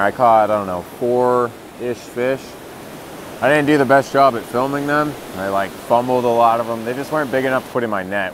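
A young man vlogging outdoors by a river, chatting casually and excitedly to his viewers through a clip-on mic. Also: mid-range voice. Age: young adult. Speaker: fishing vlogger. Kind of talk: casual outdoor vlog narration. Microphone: small clip-on mic on jacket. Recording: rushing river noise behind. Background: flowing water.

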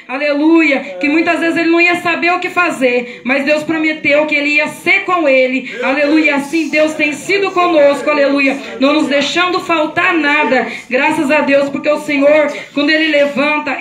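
Woman, high voice, fervent home sermon, roomy echo, handheld mic. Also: a bit bright. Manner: fervent, frequent hallelujahs. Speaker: hostess giving a short sermon. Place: small room in a house, home service. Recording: roomy echo, phone camera far off.

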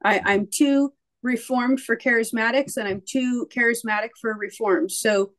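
A woman co-hosting a casual talk on faith, chatting freely and repeating words as she finds her point. Her voice sits a bit higher than most women's. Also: steady tone, normal speed. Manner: conversational, with hesitant repeats. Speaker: podcast co-host. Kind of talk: casual theological discussion.

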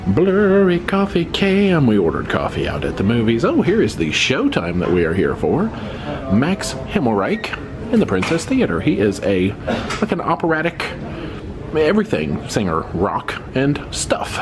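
Casual male vlogger in his 30s, animated and playful delivery, handheld camera, loud background music. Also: medium pitch, normal speed. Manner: chatty, playful, lists food items aloud. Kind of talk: casual travel vlog narration. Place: cruise ship buffet, decks and theater.

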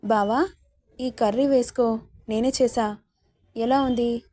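A woman's voice: on the high side, fairly even intonation, slow, warm tone, no echo, studio quality. Woman voicing a clingy, eager young cousin. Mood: wheedling.

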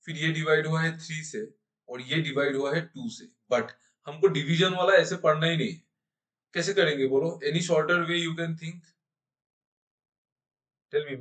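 A man's voice: fairly high pitch, low-quality recording. A young man teaching a math class in Hindi and English. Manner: mixes Hindi and English, explains step by step and quizzes students. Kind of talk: online exam-prep math class. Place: online class.

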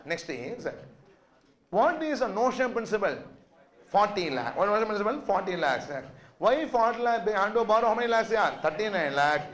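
A man's voice: high-pitched, big pitch swings, normal speed, fairly bright tone. A middle-aged man with a South Indian accent lecturing a class, insistently firing questions and often answering them himself. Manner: insistent, repeatedly asks and answers own questions. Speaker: finance lecturer. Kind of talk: classroom lecture with rapid-fire questions to students.

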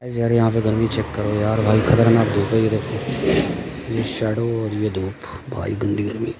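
A man's voice: on the low side, little pitch movement, normal speed. A middle-aged man from India narrating a casual travel vlog, chatty, talking to viewers as guys and brother while filming on a phone. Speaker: vlogger. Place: car on a hot highway and clinic. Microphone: phone camera held by the filmer. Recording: phone audio with outdoor noise.

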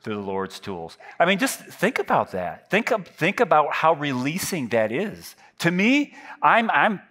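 This pastor, a man in his fifties, has a somewhat high, fairly bright voice whose pitch swoops wildly, and he takes his time. Preaching into a headset mic on a large, lit church stage, he's casual and self-mocking, with many restarts.

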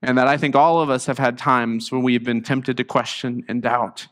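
A man's voice: mid-range voice, level tone, normal speed, fairly bright tone, big-room sound. A middle-aged male pastor preaching a conversational sermon, his voice recovering after being lost. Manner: earnest, conversational preaching with restarts. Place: church sanctuary.

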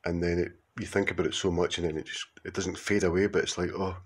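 Speaking fast with a breathy edge, this Glaswegian contributor in his fifties records a casual video message to camera. His low voice has little pitch movement. He's rambling and hesitant, restarting often and leaning on fillers.

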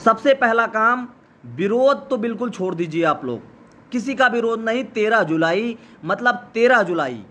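Hoarse, high-voiced man rallying supporters. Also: lively intonation, normal speed, sharp tone, a little hiss or hum. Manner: urgent, exhorting, repetitive. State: hoarse from shouting. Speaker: protest organizer. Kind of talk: live rallying speech. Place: outdoor protest site.

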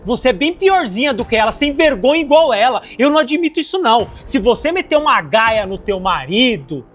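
A woman's voice: a little high, sing-song, fairly quick, soft background music. A woman with a Brazilian accent playing a jealous, controlling young boyfriend who talks aggressively. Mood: sneering. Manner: aggressive, accusing, shouting down others.

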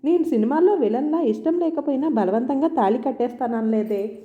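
A woman's voice: high voice, a little fast, natural voice. A woman voicing an earnest young man who is hurt and sarcastic toward the woman he will marry. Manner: calm then biting, sarcastic. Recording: roomy, dull lo-fi sound.

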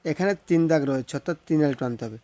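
A patient teacher with a Bangladeshi Bengali accent breaks recitation down step by step, spelling letter by letter and reciting each word in a slow, drawn-out sing-song. His voice is a little high with a dark tone, and there is no echo.

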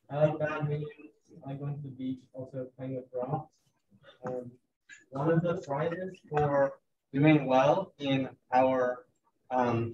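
Young man heard from afar in an echoey room. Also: mid-range voice. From California. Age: young adult. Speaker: club officer. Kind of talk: casual self-introduction. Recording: roomy, distant, lo-fi with crowd.

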